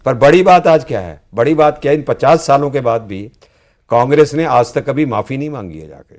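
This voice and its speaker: A man's voice: mid-range voice, lively intonation, fairly quick, a little mellow. An older man, a senior politician, earnestly explaining past events in a studio discussion in speech. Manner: earnest, explanatory, frequently ends with "जी". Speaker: political guest, former student leader.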